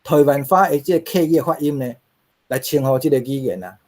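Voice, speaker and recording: A middle-aged man with a Taiwanese accent delivering a classroom lecture on linguistics. His voice sits slightly high, and he leans on fillers and rhetorical questions to keep his students with him. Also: fairly quick, a little mellow.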